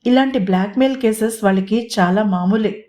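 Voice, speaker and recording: A playful young man with a scheming streak, dropping English words as he teases, as a woman narrator puts him on. The voice keeps her own middle pitch. It is told as a storybook reading. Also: fairly quick, warm tone, close to an everyday voice. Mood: thoughtful. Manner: playful, mixes English phrases.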